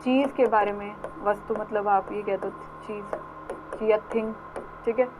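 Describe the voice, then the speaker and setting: A woman's voice: mid-range voice, fairly even intonation, unhurried, background noise. A woman teacher with an Indian accent giving a grammar lecture, patiently repeating words and quizzing her students. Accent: Indian English. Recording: dull lo-fi audio.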